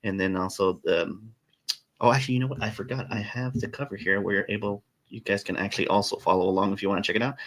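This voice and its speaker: A man's voice: lowish voice, fast talker. A man co-hosting a podcast, chatting casually and hesitantly with lots of ums. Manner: relaxed, hesitant with many ums. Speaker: podcast co-host. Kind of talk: casual chat.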